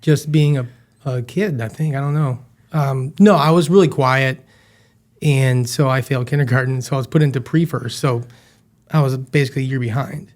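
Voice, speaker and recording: A man in his thirties, a chef and business founder from western New York, chats casually as a podcast guest. His mid-range voice has a darkish tone and a moderate pace as he shares self-deprecating stories.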